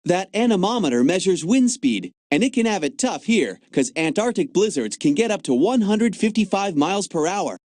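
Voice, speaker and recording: A man's voice: high voice, big pitch swings, moderate pace, few pauses, a little mellow, no room sound, clean studio sound. A man voicing an upbeat young field agent in a video game, chatty and fond of jokes about gadgets and the cold. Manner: chatty, jokey, enthusiastic. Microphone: dry studio mic.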